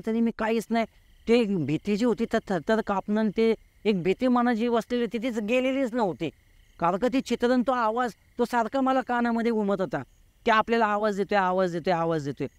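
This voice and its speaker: A man's voice: high voice, clear, resonant tone, no room sound. A man in his forties, a guest telling a true story in an interview, vivid and repeating words for effect.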